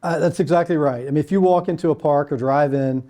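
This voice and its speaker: A middle-aged man from Kentucky answers interview questions with plenty of pauses and restarts. His voice is mellow and warm, sitting a touch higher than most men's. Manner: hesitant, many fillers and restarts. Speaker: landscape architect guest. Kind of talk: casual interview chat.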